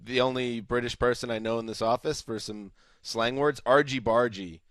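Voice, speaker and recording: Jokey American podcast host, dry sound. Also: male voice, medium pitch, steady tone, moderate pace, fairly bright tone, no echo. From USA. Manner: jokey, teasing. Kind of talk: casual sports chat.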